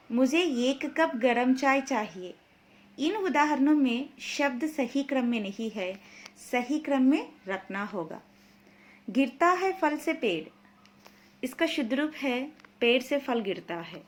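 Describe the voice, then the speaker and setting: A woman teacher reading out grammar examples and their corrections in a measured lesson style. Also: high voice.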